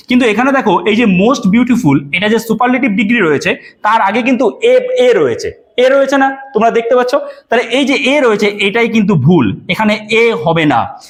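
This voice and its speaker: High-voiced grammar teacher. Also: male voice. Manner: repeats questions to students, checks understanding often. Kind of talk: online exam-prep grammar lesson.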